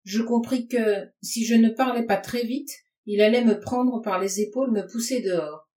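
Une femme lit à voix haute un récit littéraire à la première personne, d'un ton posé et expressif. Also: female voice, on the high side, moderate pace, dark tone. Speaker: audiobook reader. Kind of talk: literary narration read aloud. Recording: roomy sound from a distance.

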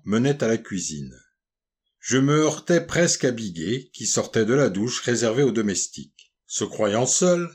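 A man narrating a first-person novel as an audiobook, in a measured, even storytelling delivery. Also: mid-range voice, breathy edge.

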